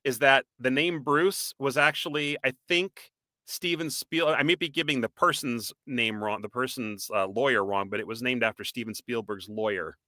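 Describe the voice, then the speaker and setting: A man with a Boston accent co-hosting a live-stream podcast, chatty and animated, reading out viewer comments and quizzing his co-host. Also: medium pitch, normal speed, no room sound. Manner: animated, reads out viewer comments, laughs often. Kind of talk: casual live-stream chat.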